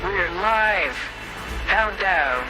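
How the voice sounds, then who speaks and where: A man through a voice changer as a squeaky announcer. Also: lively intonation, drawn-out words, over music, heavily acted, rough recording. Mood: dramatic. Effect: pitch-raising voice changer.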